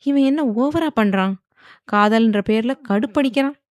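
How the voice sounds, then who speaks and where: A woman's voice: a little high, normal speed, dry recording, studio quality, pitched above the performer's own voice, natural voice. A woman voicing an irritated, scheming young wife who grumbles in an exasperated way in a storybook.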